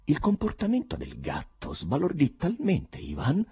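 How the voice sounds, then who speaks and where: A man narrating an audiobook in a theatrical, expressive way, with a husky voice on a close studio mic. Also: on the high side, unhurried, dry recording.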